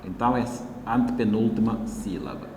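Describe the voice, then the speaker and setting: Angolan guy teaching a class, slow careful syllables, roomy echo with faint hiss. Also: fairly low pitch, creaky, a little mellow, dull audio. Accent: Angolan Portuguese. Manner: slow, deliberate, syllable-by-syllable explaining. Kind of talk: televised classroom lesson. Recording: echoey room with long reverb.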